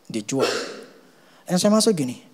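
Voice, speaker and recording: A middle-aged man with an Indonesian accent, a pastor preaching a sermon, telling stories with loud and hushed stretches. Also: a little high, moderate pace. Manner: animated storytelling, swings from loud to hushed.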